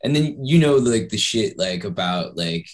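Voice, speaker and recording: A man's voice: on the low side, animated, moderate pace. A man co-hosting a podcast in casual chat, blunt and profane with lots of fillers.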